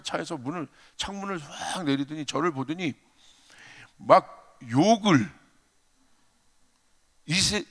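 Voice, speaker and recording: A man's voice: on the high side, a bit bright. A male pastor preaching a revival sermon in a church, emphatic, calling out hallelujahs and telling stories. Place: church sanctuary. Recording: long church hall reverb.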